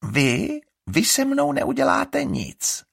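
A man's voice: high-pitched, very animated, gravelly, a bit bright, slightly rough, no room sound, studio quality, voice pushed up, heavily acted. A man voicing a sly scheming girl. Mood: mocking. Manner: pleading then scornful.

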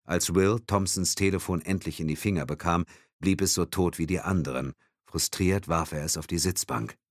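A man narrating a thriller audiobook in a dramatic, expressive reading. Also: sits low, moderate pace, no room sound, studio quality.

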